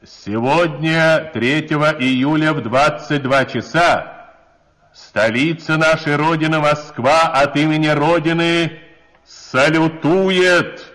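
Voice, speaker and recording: A man announcing wartime state news on the radio in a booming, solemn, declamatory and measured delivery. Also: fairly bright tone. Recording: echoing long-reverb hall sound.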